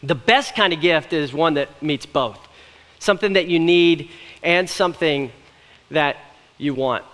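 With a slightly high, somewhat bright voice and a measured pace, a young pastor preaches from the stage of a church with a large hall. His tone is earnest and conversational, lightened by jokes, under a long hall reverb.

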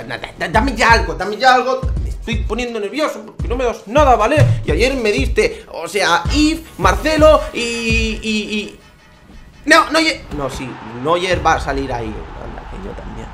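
Spanish man opening game packs on his channel, lively swooping voice, begs and curses at the game, faint music underneath. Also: high-pitched. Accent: Spain Spanish. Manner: excitable, pleading and swearing at the game. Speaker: gaming YouTuber. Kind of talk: pack-opening game commentary.

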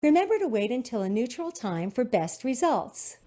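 A woman narrating an educational video in a calm, instructive scripted manner. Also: fairly high pitch, normal speed. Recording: dull lo-fi sound.

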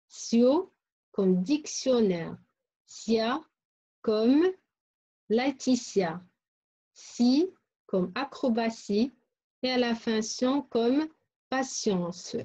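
A woman teaches phonics very slowly, spelling out and repeating each syllable for young pupils. Her voice sits a little high and sounds mellow. The recording is muffled and lo-fi. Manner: repeats words and syllables carefully for children. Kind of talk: slow, deliberate phonics lesson.

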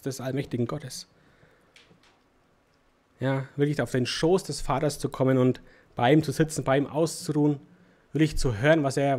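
A man preaching a sermon in a conversational tone, telling a story with frequent fillers and small restarts. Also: mid-range voice.

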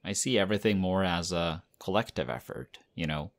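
In an audio roleplay, a man with a low voice plays a friendly, modest young male team captain. He talks fairly quickly in a relaxed, chatty way, sounding excited and warm.

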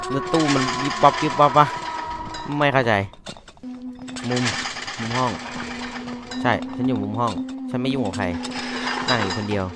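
A man's voice: medium pitch, heavy background noise. A man playing a horror game, chatting to himself in casual commentary, jumpy and swearing when startled. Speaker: let's-play gamer.

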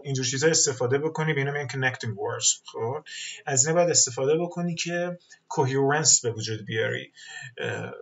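Dull-sounding male webinar teacher. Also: medium pitch. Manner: explains patiently, mixes English terms into speech, frequent filler pauses. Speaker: English teacher. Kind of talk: webinar lesson.

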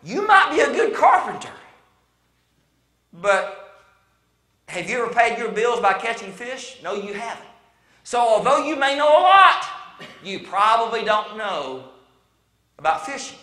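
Brief: man doing tired, fed-up fisherman Peter, high and sharp-edged, pleading loudly, church echo. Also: very animated, measured pace, pauses often, heavily acted. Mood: skeptical. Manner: pleading, exasperated, loud. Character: weary, exasperated fisherman apostle Peter, grown man. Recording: roomy church sanctuary echo.

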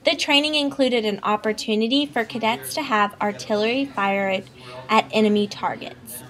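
A woman's voice: on the high side, moderate pace, fairly bright tone. A woman reporter reading scripted narration for a news report.

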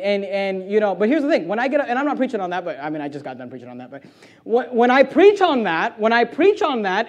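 A man preaching a sermon as pastor in a church. He reads scripture slowly and with weight, and his delivery swings between quiet asides and loud, forceful emphasis. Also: sits high.

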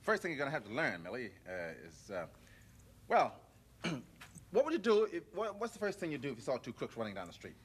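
An actor playing a patient police officer training a rookie in a children's TV comedy sketch, hesitant and stammering, with sudden forceful shouts. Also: male voice, mid-range voice, wildly swooping pitch, fairly quick, slightly rough.

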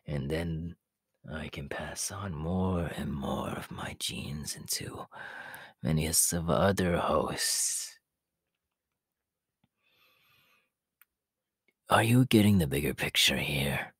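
A heavily acted male voice plays Orochimaru, the sinister, power-hungry immortal body-stealer, sly and scheming, in an ASMR character roleplay monologue. The voice is very deep yet fairly bright, raspy and breathy with a half-whispered hiss, delivered slowly, drawn-out and menacingly polite in a gloating mood. The recording is dry, with clean studio sound.

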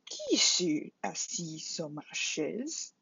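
A woman voicing a gruff father bear in a read-aloud storybook. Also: on the low side, big pitch swings, drawn-out words, bright, forceful tone, no room sound, voice pushed down, heavily acted. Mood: indignant. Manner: growling, exclaiming. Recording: dull lo-fi recording.

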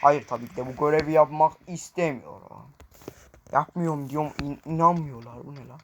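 A man's voice: fairly high pitch, fairly quick, a little hiss or hum. A young man commenting on his own gameplay, brashly taunting enemies and talking to viewers.

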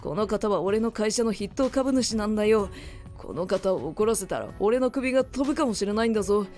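A woman voicing a flustered middle-aged father in a storybook drama, gruff and loud. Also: medium pitch, lively intonation, brisk, soft background music, lightly acted. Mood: panicked scolding.

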